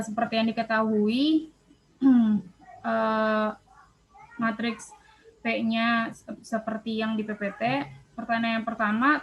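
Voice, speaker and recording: A woman's voice: fairly high pitch, low-quality recording. A young woman, a student presenter, reading worked probability examples aloud, hesitant with fillers and self-corrections.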